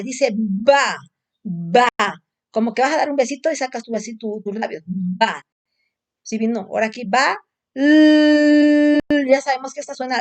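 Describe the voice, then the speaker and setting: A woman giving a phonics lesson to a young child at home, sounding out letters slowly and patiently coaxing the child to repeat. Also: high voice. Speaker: teacher.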